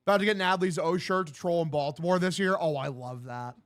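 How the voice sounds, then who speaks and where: This twenty-something sports streamer calls a baseball game and responds to chat in a relaxed, slang-heavy, bro-ish way full of swearing. His voice is on the high side and he talks quickly.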